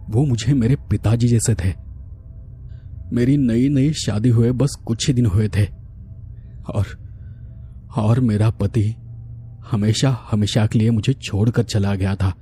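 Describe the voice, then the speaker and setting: A man narrating a horror story in a slow, measured, hushed way. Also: lowish voice.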